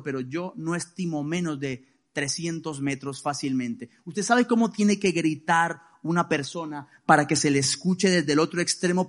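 High-voiced emphatic man preaching. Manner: emphatic preaching, calls for responses, varies volume widely. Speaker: pastor. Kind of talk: sermon.

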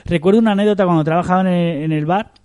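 A man's voice: high-pitched, racing, darkish tone, clean tone. A man co-hosting a casual podcast, telling jokey anecdotes. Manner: joking storyteller, acts out dialogue. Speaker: podcast co-host.

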